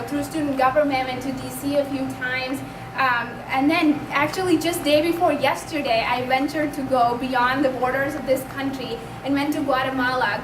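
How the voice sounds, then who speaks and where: A young woman in her twenties, from Pakistan, speaks with a bright, high voice, sharing her own story in an earnest, chatty way. She is caught from some distance in a roomy hall that echoes, with steady noise behind her. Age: 20s. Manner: earnest, conversational, speaks up loudly. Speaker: invited speaker at a community event. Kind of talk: personal testimony speech. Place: community hall. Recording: echoey room, distant mic, background noise.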